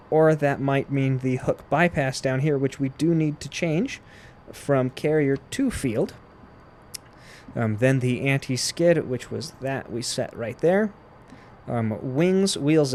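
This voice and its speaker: A man with a mid-pitched voice walks through a flight sim procedure as he plays. He explains each step casually, in the way of a tutorial. Aircraft simulator noise sits faintly to clearly behind his voice. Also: a little mellow. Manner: explains step by step while playing. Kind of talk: casual instructional gameplay commentary.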